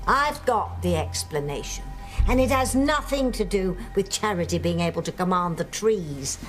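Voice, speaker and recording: A woman's voice: lowish voice, expressive, normal speed, natural voice. Woman playing a scheming, theatrical old witch over music. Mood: falsely reassuring. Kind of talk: daytime soap opera acting. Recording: music under the dialogue.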